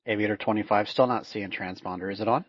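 A man's voice: on the low side, steady tone, quick pace, no room sound. A man working as an air traffic controller, giving clipped, procedural air traffic control instructions over the radio. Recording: muffled, band-limited radio audio.

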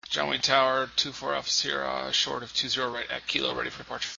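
A man who is a pilot, heard over an aviation radio, giving clipped calls to the tower, halting with fillers. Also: medium pitch, level tone, gravelly, crowd noise. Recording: muffled radio with faint noise.

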